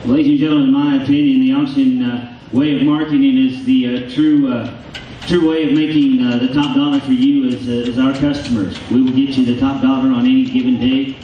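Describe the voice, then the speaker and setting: An American man, an auctioneer in competition, formally addressing an audience in a halting way, repeating words. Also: mid-range voice, level tone, mellow, distant mic, dull audio. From Nebraska, United States. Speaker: auctioneer, championship contestant. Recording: very echoey hall from afar, faint noise.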